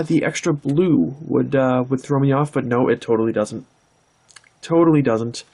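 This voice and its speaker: A man hosting his channel, chatting casually off camera while opening trading card packs and breaking into excited exclamations. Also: medium pitch, gravelly. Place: indoors, filming from behind the camera.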